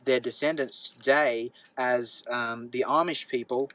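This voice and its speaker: A man giving a public talk in a chatty, anecdotal way, with frequent ums and uhs, growing excited as he goes. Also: mid-range voice, unhurried, dry recording, low-quality recording. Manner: gets excited as he talks.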